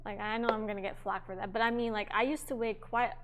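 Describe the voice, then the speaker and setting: A woman's voice: fairly high pitch, fairly even intonation, quick pace, noisy background. A young woman livestreaming, chatting casually with her viewers while cooking in her home kitchen, rambling with lots of fillers.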